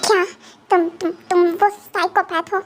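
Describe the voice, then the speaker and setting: A woman's voice: very high-pitched, steady tone, unhurried, slight background noise. A woman voicing a terrified male captive in a fan dub drama, stammering, crying and begging for mercy. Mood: terrified pleading.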